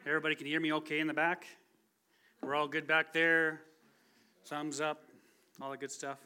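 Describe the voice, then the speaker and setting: A man in his forties, a guest speaker, gives a chatty, casual testimony from the pulpit of a church sanctuary, poking fun at himself as if in conversation. His voice sits on the high side with little pitch movement, normal speed, and a bright, forceful, clean tone.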